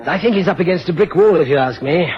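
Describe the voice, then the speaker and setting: A man playing a dutiful, hesitant police inspector in a radio drama, with a halting, official manner. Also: a little high, lively intonation, close to an everyday voice. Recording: dull radio recording with crowd behind.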